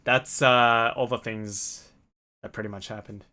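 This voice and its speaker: A young man recounts a trip in a loose, chatty way, with plenty of fillers and little acted-out quotes. His voice sits at an ordinary middle pitch for a man. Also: fairly even intonation, measured pace, sharp tone, slight background noise. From North America. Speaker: vlogger. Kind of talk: casual storytelling to camera.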